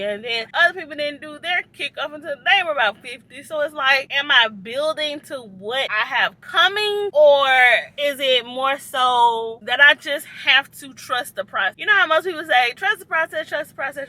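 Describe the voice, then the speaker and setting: Bright high-voiced woman in her thirties. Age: 30s. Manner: chatty, addresses viewers as y'all. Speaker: vlogger. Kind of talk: casual encouraging talk to camera. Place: parked car.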